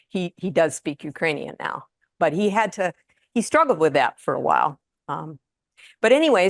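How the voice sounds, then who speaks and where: A retired older woman with a lowish voice gives a casual, conversational lecture to an audience as a guest lecturer in a lecture room, with many fillers and restarts. The recording is dry and of studio quality.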